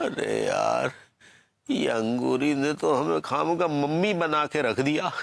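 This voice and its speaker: A man's voice: fairly high pitch, takes it slowly, creaky, exaggerated voice. An actor playing a flustered middle-aged husband in a sitcom, stammering and sing-song as he coaxes his childlike wife. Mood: grumbling. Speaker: sitcom character. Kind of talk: broadcast sitcom acting.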